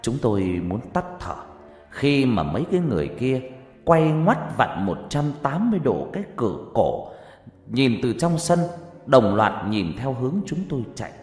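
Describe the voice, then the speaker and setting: A man narrating a horror story, shifting between hushed and shouting. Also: mid-range voice, very animated, normal speed. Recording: echoey room with faint music.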